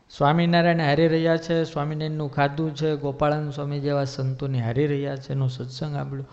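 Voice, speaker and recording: A man telling devotional stories in a sermon, acting out each character's lines in changing voices. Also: medium pitch. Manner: animated, acts out characters' lines in shifting voices. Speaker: religious storyteller. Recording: dull lo-fi sound with long hall reverb.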